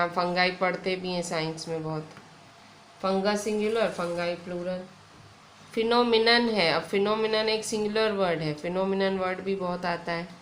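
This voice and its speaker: An Indian woman teacher gives an online grammar lesson, explaining slowly and patiently and often saying "theek hai". Her voice is lowish, recorded in an echoey room with faint ambience and a little hiss or hum.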